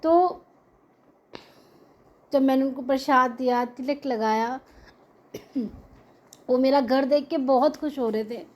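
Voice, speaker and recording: High-voiced woman giving a grateful testimony. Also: slow, long pauses. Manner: earnest, grateful, heartfelt storytelling. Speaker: devotee sharing a testimony. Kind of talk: devotional testimony to a prayer group.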